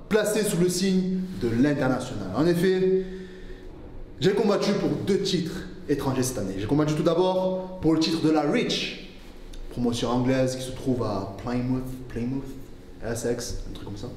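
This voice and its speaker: Wrestler from marseille, jokey and sarcastic, big echo, bit of hiss. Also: male voice, on the high side, very animated, normal speed, a little mellow. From Marseille, France. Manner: joking, sarcastic asides. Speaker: wrestler cutting a promo. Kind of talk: wrestling promo.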